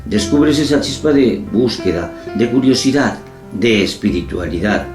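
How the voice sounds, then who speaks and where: A man with a low voice hosts an interview, speaking in a measured, formal way. His words ring out in a roomy space. Faint guitar music plays underneath. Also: animated. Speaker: interviewer and host. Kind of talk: scripted introduction then interview.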